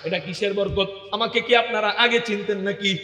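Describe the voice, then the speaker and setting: A man with a Bangladeshi Bengali accent preaching a waz sermon to a crowd, shouting with passion and firing rhetorical questions, now and then chanting Arabic verses. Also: high-pitched, steady tone, normal speed. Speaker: Islamic preacher. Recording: echoey PA sound with long reverb.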